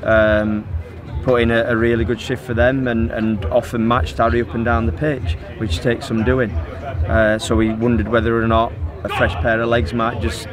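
This is a middle-aged football manager interviewed outdoors on the pitch after a match. He keeps his tone measured and level while using plenty of fillers, and the interviewer records on a handheld phone as the crowd murmurs behind.

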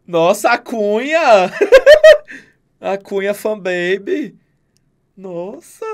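A woman's voice: mid-range voice, normal speed. A woman with a Brazilian accent chatting on a game stream, exclaiming and laughing often. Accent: Brazilian Portuguese. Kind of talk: casual chat on a game stream.

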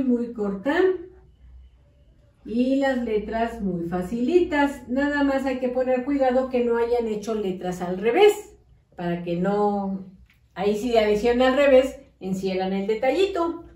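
A woman's voice: on the high side, a little mellow. Patient woman teaching young children. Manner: slow, patient, instructive. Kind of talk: primary school lesson for parents and children. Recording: roomy echo, voice from a distance.

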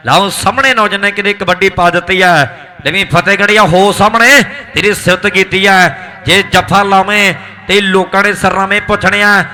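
Man, Malwai Punjabi accent, live kabaddi commentary, piercingly bright, high-pitched, excited repetitive hype. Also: normal speed. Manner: excited, rhythmic hype with repeated exclamations. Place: outdoor village tournament ground.

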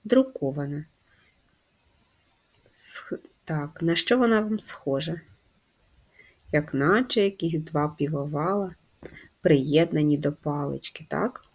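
A woman teaching a handwriting lesson to first graders, patient and slow, guiding the children step by step. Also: low-pitched, a little mellow, slightly rough. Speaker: primary school teacher.

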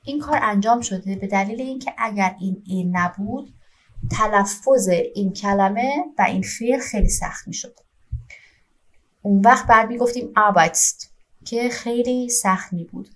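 A woman teacher with a medium-pitched voice leads an online language lesson. She speaks patiently and explains grammar step by step. She slows right down to dictate each verb form clearly. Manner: slow, careful dictation of German verb forms with Persian explanations.

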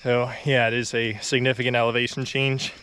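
The audio is poor, with a little hiss or hum, as a young male vlogger talks a little fast in a medium-pitched voice. He's walking uphill on a quiet rural road and slightly out of breath, relaxed and chatty, dropping many fillers and short laughs. He films on a phone or action camera at arm's length.

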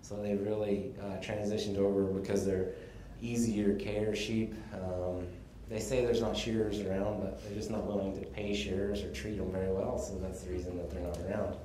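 A man from Texas gives a casual conference presentation, explaining things in a relaxed way with the odd chuckle. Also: on the low side, moderate pace, slight background noise. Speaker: conference speaker on sheep breeding. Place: conference room. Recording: echoey conference room, faint ambience.

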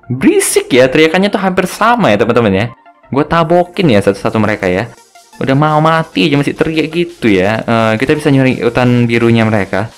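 A man's voice: mid-range voice, very animated, a little fast. A young man talks through a match in casual, joking commentary. His voice swings up and down a lot as he teases and hurries his teammates along, with faint music playing underneath. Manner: chatty and joking, ends phrases with tag words. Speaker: gaming video host.

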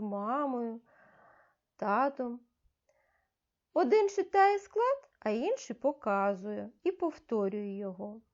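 A woman teacher guides young children through a reading lesson, her voice slightly high and her pace very slow. She articulates each sound with care and coaxes the class along. The audio is dull and lo-fi. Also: a little mellow. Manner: slow, clearly articulated, coaxing instructions. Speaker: primary school teacher.

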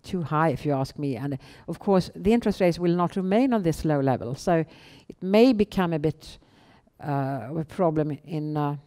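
A woman's voice: low-pitched, expressive, normal speed, few pauses, mellow. Middle-aged woman with a Swedish accent. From Sweden. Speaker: guest, bank founder and chief executive. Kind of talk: answering questions in a live on-stage interview. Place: indoor event room on a small stage. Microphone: headset.

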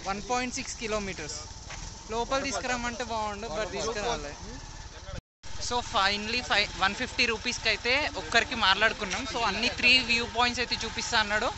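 A man's voice: high-pitched, fast talker, noisy background. A young man, chatting upbeat through a travel vlog and calling out to viewers as friends. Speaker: travel vlogger. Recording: crowd chatter behind.

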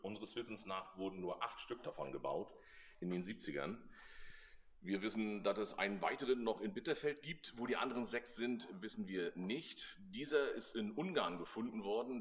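A man, giving a casual, wry guided tour of a collection in a large hall. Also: deep voice. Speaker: club member presenting a vehicle collection. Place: large indoor exhibition hall. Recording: slightly dull, lo-fi sound.

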